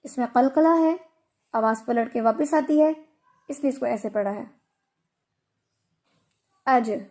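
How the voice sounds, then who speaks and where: A woman's voice: a little high, dark tone. A woman teaching Quran recitation in an online lesson, explaining patiently and stretching out her examples. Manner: slow, patient explaining with drawn-out Arabic examples.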